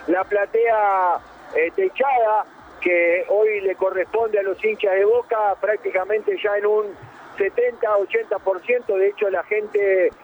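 A man's voice: high-pitched, steady tone. An Argentine man reporting live from a stadium and chatting with arriving fans. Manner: chatty, quick questions to fans. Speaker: field reporter. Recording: tinny phone-line feed with noise.

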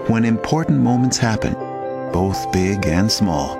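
A man narrates in a low, solemn, stately voice, pacing his words slowly for weight. Loud instrumental music swells beneath him. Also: lively intonation, creaky. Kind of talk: scripted narration.

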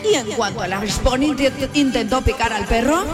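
A man's voice: very high voice, fairly quick. A man with a Colombian accent co-hosting a morning radio show, playfully bantering and telling comic stories. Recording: music playing loudly behind the voice. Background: loud music.

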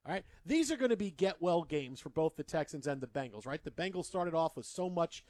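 A man's voice: on the high side, expressive, brisk, darkish tone, no room sound. A man hosting a sports radio show, giving opinionated, conversational commentary. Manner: conversational, opinionated, asks rhetorical "right?". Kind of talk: casual sports talk commentary.

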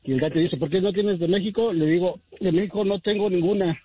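Defensive caller on phone. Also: male voice, high voice, a little fast, breathy edge, no echo. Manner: defensive, rambling explanation. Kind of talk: phone-in chat. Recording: tinny phone line.

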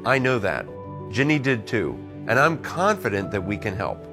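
A man's voice: fairly low pitch, sing-song, normal speed, music in the background. A man reading a scripted charity ad in a reassuring way. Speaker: ad spokesman.

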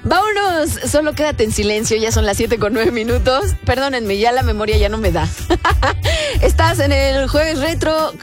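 A woman's voice: high-pitched, animated, normal speed. A woman with a Mexican accent hosting a radio show casually, talking affectionately to her guest. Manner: affectionate, laughs often. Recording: music playing behind the voice. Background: music.

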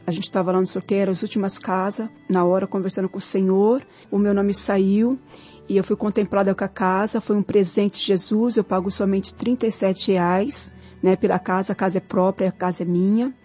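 A woman's voice: mid-range voice, steady tone, fairly quick, mellow, breathy edge. A woman giving an earnest, grateful church testimony, repeating her thanks, in a dull lo-fi recording with faint music.

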